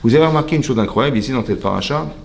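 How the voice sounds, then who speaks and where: Animated man teaching a religious lesson. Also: medium pitch, rapid-fire, vocal fry. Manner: animated, rhetorical, keeps checking the audience follows. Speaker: rabbi teaching a class. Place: lecture hall.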